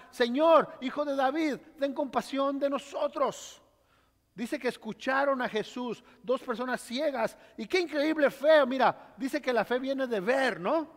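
A male pastor preaching a sermon, dramatic, swinging from loud cries to near whispers. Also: high-pitched. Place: church hall. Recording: long church hall reverb.

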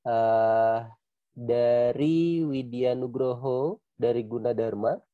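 A man's voice: mid-range voice, steady tone, takes it slowly, dry recording, phone-quality sound. A man moderating an online Q&A over a video call whose audio keeps breaking up and cutting out; he reads questions with frequent hesitations. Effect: choppy, cutting-out audio from a bad connection. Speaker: webinar moderator.

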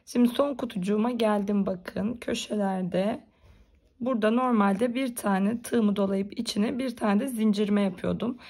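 A woman with a hoarse, gravelly, cracking voice, giving informal step-by-step craft instructions as a tutorial host. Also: medium pitch, normal speed, mellow. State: hoarse, strained voice from being unwell.

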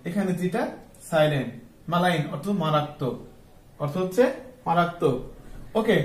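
A man's voice: sits high, echoey room, distant mic, rough recording. A man giving an English lesson as a tutor, asking his class questions, answering them himself, and spelling words out letter by letter. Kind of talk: spoken lesson.

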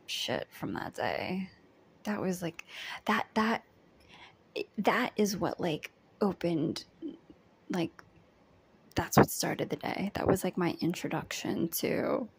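A woman's voice: fairly low pitch, lively intonation, slow, pauses often, slight background noise. A young woman chatting casually in a storytime diary vlog, giggly and often half-whispering, with lots of likes and ums. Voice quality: breathy, with vocal fry. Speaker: vlogger recounting a day as a background extra.

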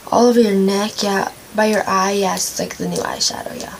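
A woman's voice: mid-range voice, steady tone, a little fast, vocal fry, slight background noise, rough recording. A woman vlogging in casual chat, joking sarcastically with lots of filler yeahs.

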